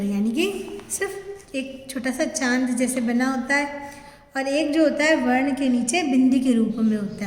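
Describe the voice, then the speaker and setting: A woman teaches a grammar lesson in a high, clear voice. She repeats each term and keeps checking in with the class. Her voice rings through a roomy space with a long echo. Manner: explains step by step, repeats terms, checks with "thik hai"; asks questions and answers them herself. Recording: echoey room with long reverb.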